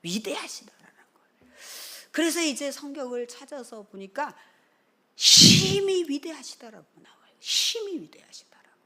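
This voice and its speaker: Animated woman preaching a sermon. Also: a little high. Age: middle-aged. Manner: animated storytelling, acts out dialogue, drops to a whisper and then bursts loud. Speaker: pastor.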